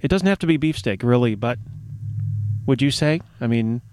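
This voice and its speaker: A male radio host chats in a playful, meandering way at a middling pitch. The sound is close and dry. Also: expressive, moderate pace, a little mellow, clear, resonant tone, no echo. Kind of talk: casual radio chat.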